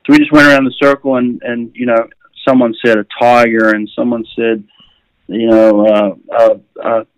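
Speaking at a normal pace in a clear, resonant mid-range voice, this middle-aged Australian swimming coach and ex-swimmer tells lively stories about his time in the pool. He frequently restarts and drops in "uh"s, and the sound is close and dry without any room echo.

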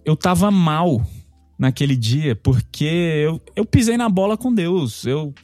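Storytelling brazilian guy, restarts a lot, kinda high-pitched, faint music behind. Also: expressive, takes it slowly, darkish tone, no room sound. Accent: Brazilian Portuguese. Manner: storytelling, emotional, repeats himself. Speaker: podcast co-host.

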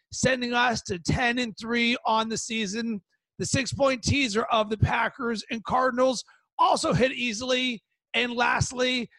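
A man with a strikingly high voice hosts a sports betting show on his own. He talks in an emphatic, punchy way and leans on stretched words. The sound is dry and close. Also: pushed and bright, no room sound, rough recording. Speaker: podcast host. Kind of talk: sports betting podcast monologue.

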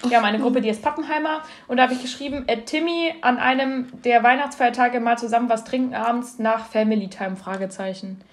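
A young woman with a high voice chatting on a podcast. She tells anecdotes animatedly, giggles often and talks casually. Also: a little fast, few pauses. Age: young adult. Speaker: podcast co-host.

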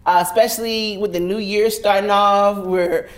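An enthusiastic woman hosts an interview, warmly affirming her guest with frequent interjections. Her pitch sits in a plain middle range. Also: steady tone, moderate pace. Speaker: host. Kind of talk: casual interview.

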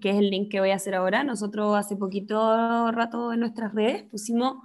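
A woman's voice: medium pitch, little pitch movement, fairly quick. A young Chilean woman co-hosting a podcast, chatting casually in a bubbly, scattered way and laughing often. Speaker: podcast co-host. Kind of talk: casual chat.

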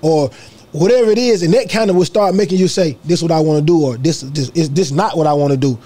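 A man's voice: fairly high pitch, fast, mellow. A man interviewing a music artist in casual, slangy chat, often asking "you know what I'm saying".

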